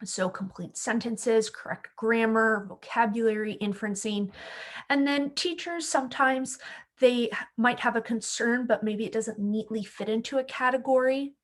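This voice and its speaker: A young adult woman, a school speech-language pathologist, explaining a form step by step in a friendly, steady way. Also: fairly high pitch, normal speed. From California. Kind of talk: screen-share tech tutorial.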